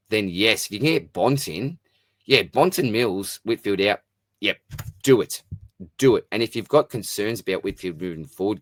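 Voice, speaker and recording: Deep-voiced, blokey man hosting solo. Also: no room sound. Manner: chatty, blokey, matey, informal slang. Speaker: host of a fantasy sport Q&A show. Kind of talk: casual solo mailbag commentary, reading out questions and answering.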